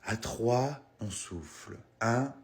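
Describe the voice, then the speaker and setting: A man playing a rude, foul-mouthed male schoolteacher who talks slowly and mock-calmly. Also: on the low side, pitched below the performer's own voice. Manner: slow, mock-calm, then snapping.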